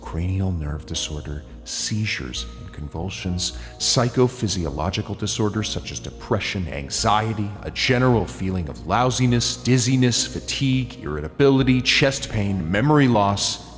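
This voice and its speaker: A man narrating a script in a disguised, artificially deepened voice, reading facts and lists in a steady, deliberate way. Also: big-room sound, faint music behind.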